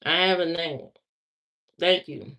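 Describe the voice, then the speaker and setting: A woman from Indiana chats casually on a livestream in a fairly low, fairly bright voice, speaking slowly. She answers viewer comments and repeats herself as she talks back to them, and the stream audio is slightly muffled and lo-fi.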